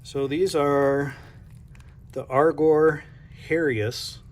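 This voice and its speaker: A man's voice: fairly high pitch, fairly even intonation, drawn-out words. A man from North Dakota who runs a coin shop, chatting casually and thinking aloud as he unboxes silver bars, with self-deprecating asides.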